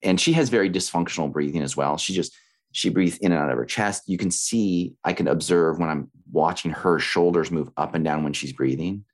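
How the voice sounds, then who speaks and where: A man's voice: deep voice, brisk. A man speaking as a meditation and breathing teacher in an interview, explaining instructively with everyday examples.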